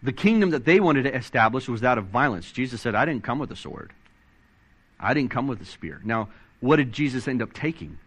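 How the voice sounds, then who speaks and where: A male pastor preaches briskly with a breathy edge, excitable and animated throughout. As he reads scripture aloud, he stresses his points with pitch that swings high and low.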